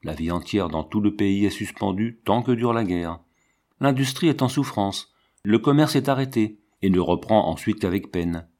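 Man with a low, measured reading voice. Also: expressive, a little mellow. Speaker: audiobook narrator. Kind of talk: scripted storybook narration.

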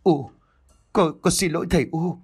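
A man's voice: medium pitch, normal speed, dry recording, studio quality, soft background music, natural voice. A man voicing a frightened young pregnant daughter who stammers and pleads through sobs. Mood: pleading. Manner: stammering, sobbing pleas.

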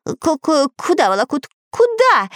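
A woman's voice: mid-range voice, big pitch swings, normal speed, darkish tone, no echo, studio quality. A woman voicing a cowardly male parrot who stammers when scared, in a children's storybook reading. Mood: frightened. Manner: stammering, jittery.

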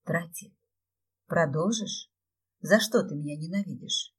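A woman voicing a gentle, reserved man who soothes a young woman in a soft, hushed way. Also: fairly low pitch, unhurried, husky, recorded from a distance. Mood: tender, hushed.

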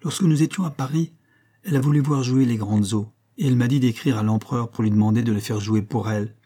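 A man's voice: medium pitch, fast talker, close to an everyday voice. A man reading aloud and voicing a hearty, blustering young husband in an audiobook. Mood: exasperated. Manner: excited, blustering.

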